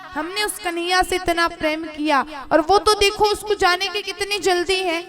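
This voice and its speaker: Casting: woman doing lovesick milkmaids, reproachful and pleading, high voice over music. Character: heartbroken village milkmaids, young women.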